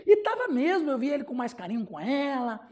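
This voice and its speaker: High-voiced animated Brazilian pastor. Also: male voice, a little fast. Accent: Brazilian Portuguese. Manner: animated storyteller who acts out dialogue and laughs often. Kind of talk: expository Bible study sermon.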